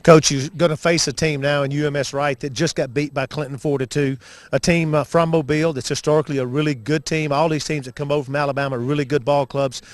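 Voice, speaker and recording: Fast-talking sports announcer, male. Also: on the high side, fairly even intonation, no echo. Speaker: baseball play-by-play announcer and interviewer. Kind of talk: live sports broadcast commentary.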